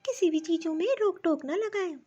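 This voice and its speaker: A woman's voice: extremely high pitch, fairly quick, warm tone. A woman voicing a modern, touchy young daughter-in-law from the city in a cartoon story, talking in a curt, complaining way. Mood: irritated. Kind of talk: cartoon voice acting. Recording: dull, dry lo-fi recording.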